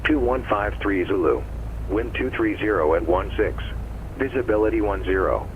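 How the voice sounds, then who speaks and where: A man reading an airport weather and information broadcast over the radio, reciting figures in a steady, measured way. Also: on the low side. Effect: automated airport weather broadcast over radio. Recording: tinny lo-fi radio channel with faint hiss.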